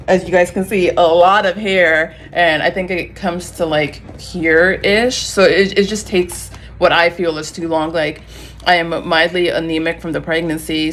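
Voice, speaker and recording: A young woman vlogging casually to her phone camera at home, rambling with lots of fillers and rushing when nervous. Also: sits low, a little hiss or hum. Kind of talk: casual vlog talk to camera. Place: home, on a couch.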